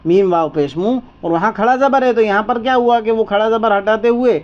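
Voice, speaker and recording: A man teaching Quran reading step by step, asking questions and repeating each word slowly for the listener. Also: sits high, lo-fi sound. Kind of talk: step-by-step lesson with call-and-response questions.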